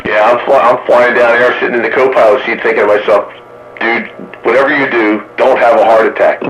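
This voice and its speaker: An amateur radio operator joins a round table on a two-way radio, chatting casually and sharing humorous anecdotes. His mid-range voice is fairly quick and fairly bright, with fairly even intonation, and the reception from the receiver is muffled and staticky, carrying faint noise.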